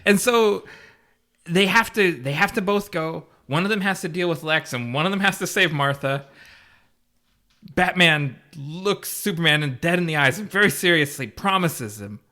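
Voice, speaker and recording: A man's voice: fairly high pitch, normal speed, bright, forceful tone. A man co-hosting a podcast, recapping a movie in casual chat with sarcastic asides and frequent laughter. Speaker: podcast co-host.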